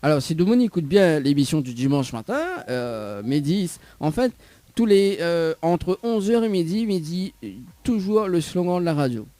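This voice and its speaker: A man's voice: fairly high pitch, big pitch swings, normal speed, dark tone, dry recording. A male radio host, running a live call-in game with lots of laughing and teasing. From Réunion. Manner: joking, laughs often, teasing.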